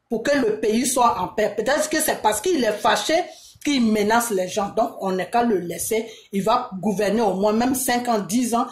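An Ivorian woman with an Ivorian French accent giving an impassioned monologue to her viewers, emphatic and full of repeated rhetorical questions. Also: on the high side. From Côte d'Ivoire. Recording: echoey room.

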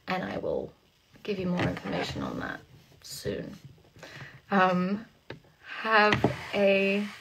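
A woman's voice: medium pitch, a little hiss or hum. A young English woman chatting on a phone livestream from her room, rambling, laughing often and reading viewer questions aloud. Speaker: singer hosting a live stream. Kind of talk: casual chat.

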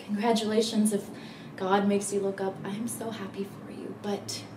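Woman acting a remorseful young female recovering addict, halting confessional monologue, roomy echo, noisy background. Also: medium pitch, flat delivery, natural voice. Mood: resolute, tender. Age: young adult. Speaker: actor performing a monologue. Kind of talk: dramatic monologue, naturalistic acting. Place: small plain room indoors. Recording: echoey, noisy room, distant mic.

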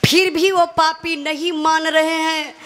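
A woman's voice: very high voice, little pitch movement, slow pace, fairly bright tone. A woman narrating a dramatic folk ballad, calling out to her listeners as brother. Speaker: folk storyteller singer.

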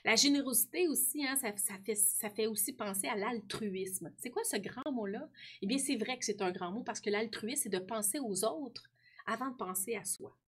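A woman's voice: fairly high pitch, normal speed, husky. A woman teacher, reading aloud and talking children through a story, full of tag questions.

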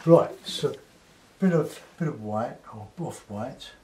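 A man in his sixties with a South London accent, giving an unhurried, casual commentary as he demonstrates painting, pausing and half talking to himself. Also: medium pitch, animated, a little mellow, slight background noise. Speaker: painting tutor. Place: small cluttered home studio, indoors.

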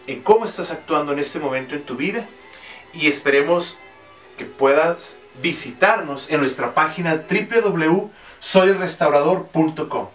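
A man's voice: on the high side, fairly bright tone, roomy sound, far from the mic. A man telling a motivational story with an emphatic, repetitive way of speaking.

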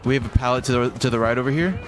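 A young man commentating his own live game stream, excitable, swinging between low mumbles and sudden yells. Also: rapid-fire, over music. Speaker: gaming streamer.

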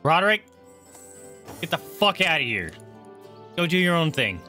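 A young man giving casual, excitable, sweary live commentary as he streams a game. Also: fairly high pitch, moderate pace. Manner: excitable, profane. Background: game music.

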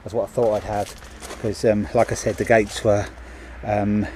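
The handyman, a middle-aged man, has a lowish, slightly mellow voice with a level tone and normal speed. He casually narrates his finished work outdoors at a driveway gate, with many ums and restarts. The body-worn action camera catches slight background noise.

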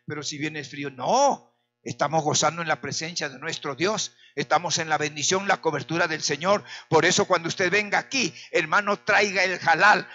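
Hoarse male pastor preaching in a church, bright edgy voice, swings from shouts to hushed bits, muffled lo-fi recording w/ faint hum. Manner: impassioned, swinging between loud cries and quiet, low remarks. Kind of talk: sermon.

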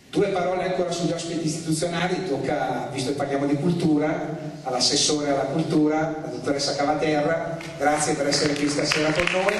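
A middle-aged man hosts an evening on a theater stage, brisk and courteous as he introduces guests into a handheld microphone. The hall echoes heavily around him. He sounds distant from the recording mic, and an audience murmurs clearly behind him. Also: on the high side, background noise. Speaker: evening host, master of ceremonies. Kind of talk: stage hosting.

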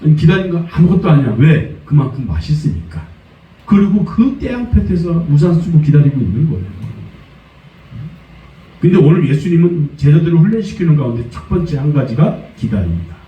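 A pastor preaching a Sunday sermon, lively, slipping into high acted voices for quoted complaints. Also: male voice, brisk. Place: church sanctuary. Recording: dull, echoey church sound from a distance.

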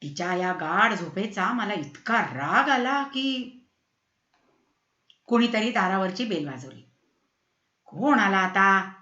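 Bright-voiced woman reading a story. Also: mid-range voice, takes it slowly, long pauses. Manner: expressive, character voices. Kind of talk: reading a short story aloud. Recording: echoey, slightly dull home recording.

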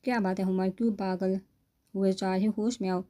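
A woman's voice: mid-range voice, fairly even intonation, dark tone, natural voice. A woman reading a novel aloud, voicing a stern, caring mother-in-law who scolds firmly. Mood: scolding. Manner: firm, scolding.

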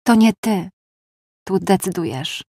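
A woman voicing a gentle, weary young man who murmurs tenderly. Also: medium pitch, expressive, slow, husky, no room sound, studio quality. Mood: soft teasing. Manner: soft murmuring tone.

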